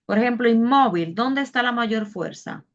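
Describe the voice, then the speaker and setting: A woman teacher talking a class through a lesson with patience, going step by step and stopping to quiz her students. Her voice sits at an ordinary middle pitch. The sound is a little dull and lo-fi, as on a video call. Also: unhurried, fairly bright tone. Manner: patient, explains step by step with questions. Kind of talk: online Spanish class.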